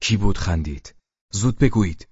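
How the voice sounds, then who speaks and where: A man voicing a quick-tempered male film director father within an audiobook, with a sharp, exclaiming delivery. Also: sits low, husky, no echo. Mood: angry. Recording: dull, muffled sound.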